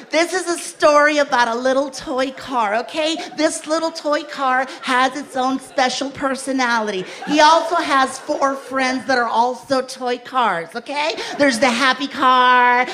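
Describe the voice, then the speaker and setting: A man voicing a perky young woman casting director who coaxes with a bright, upbeat manner. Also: very high voice, voice pushed up, exaggerated voice. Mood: chirpy. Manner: upbeat, coaxing, repeats "okay?". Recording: noisy live club recording.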